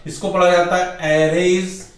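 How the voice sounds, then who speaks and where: A middle-aged man teaching English grammar in a lecture style, who keeps asking rhetorical questions, answers them himself, and drags out key words slowly for emphasis. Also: high-pitched, little pitch movement. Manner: often calls the viewer "bhai". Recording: very echoey room, voice far from mic.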